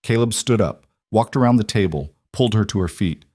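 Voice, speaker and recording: A man narrating a frontier romance story in a measured, even storytelling manner. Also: on the low side, dry recording, clean studio sound. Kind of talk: scripted narration.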